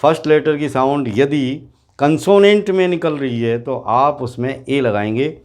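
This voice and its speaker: A man gives a classroom-style grammar lesson, addressing his students directly. He speaks at a very unhurried pace at a middle pitch, repeating each example word carefully. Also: a little mellow. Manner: slow, repetitive explaining, addressing students directly. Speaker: English grammar teacher.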